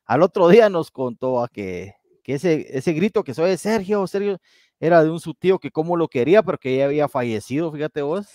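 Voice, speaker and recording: A man's voice: a little high, lively intonation, a little fast, hardly any pauses, warm tone, dry recording, clean studio sound. A man with a Guatemalan Spanish accent, co-hosting a casual talk show, colloquial and swearing freely as he tells a ghost story. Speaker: co-host.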